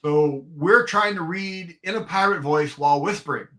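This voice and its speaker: Upbeat guy in his 50s, brightish higher voice, co-hosting a hobby chat and telling stories. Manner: upbeat, storytelling, quick agreement. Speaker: co-host. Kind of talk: casual hobby podcast chat.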